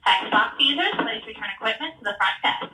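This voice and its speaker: A woman reads a formal closing-time notice over a library's public address system, heard from across the building. She speaks quickly, and a crowd of people talking loudly fills the space around her. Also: fairly high pitch, expressive, echoey room. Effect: library loudspeaker announcement heard from a distance. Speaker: library staff announcer. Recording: distant loudspeaker in a noisy public room.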